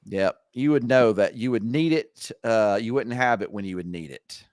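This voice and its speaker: A middle-aged man hosts a casual live weather chat in a low, groggy morning voice. He rambles easygoingly with plenty of fillers and restarts. The sound is dry and close, with no room echo. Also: moderate pace, darkish tone. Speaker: weather show host. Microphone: video call screen share.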